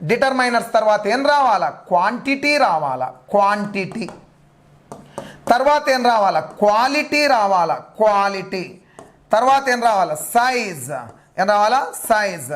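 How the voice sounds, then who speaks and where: A man's voice: high-pitched, lively intonation, moderate pace, fairly bright tone. A man teaching English grammar for a teacher exam, repeating key terms emphatically as he drills them. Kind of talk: exam-prep grammar lecture.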